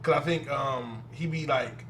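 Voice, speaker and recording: A man's voice: medium pitch, a little slow, fairly bright tone, a little hiss or hum. A man co-hosting a casual podcast chat, rambling loosely and laughing often. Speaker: podcast co-host.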